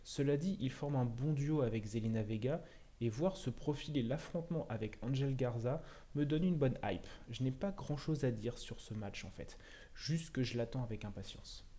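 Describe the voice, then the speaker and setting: A man's voice: medium pitch, moderate pace, dark tone. A man hosting a scripted wrestling prediction video, making opinionated, sardonic asides.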